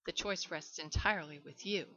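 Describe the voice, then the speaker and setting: A woman's voice: fairly low pitch, normal speed, a bit bright, no echo, lo-fi sound. A woman voicing a suave, menacing aristocratic male general with mocking courtesy.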